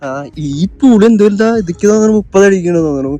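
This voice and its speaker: Male Malayali travel vlogger, slightly high pitch, casual chat with English mixed in, light music underneath. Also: fast, warm tone. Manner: mixes English words and phrases into Malayalam. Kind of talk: casual vlog chat to viewers and friends. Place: outdoors at a pool and streets.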